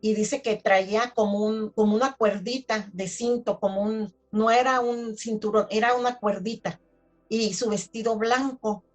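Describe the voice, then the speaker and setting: A woman's voice: fairly high pitch, fairly even intonation, measured pace, dull audio, soft background music. Chatty woman telling a testimony. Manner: chatty storytelling with many fillers. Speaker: testimony speaker. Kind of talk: casual spoken testimony.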